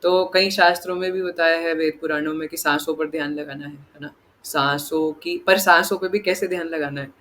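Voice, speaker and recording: A man's voice: fairly high pitch, steady tone, brisk, hardly any pauses, fairly bright tone, a little hiss or hum. A man giving a casual, conversational scripture class, often seeking the listeners' agreement and acting out inner voices. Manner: chatty, keeps asking "right?" for agreement; acts out inner voices in dialogue. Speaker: devotional teacher.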